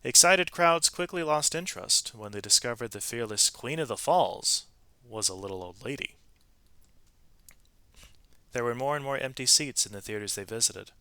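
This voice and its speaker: Telling a children's story, this man sounds expressive and animated, varying his emphasis phrase by phrase. His voice is mid-range, and the recording has no echo.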